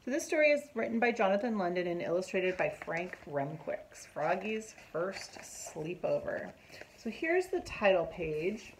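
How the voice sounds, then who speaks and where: A middle-aged woman teacher reading a picture book aloud to her class, lively and asking the children questions. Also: mid-range voice, a little hiss or hum.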